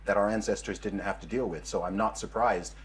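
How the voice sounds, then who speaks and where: A man speaking as a guest on a talk show, laying out his point in a calm, reasoned way. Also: lowish voice, a little fast, rough recording. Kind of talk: measured studio discussion.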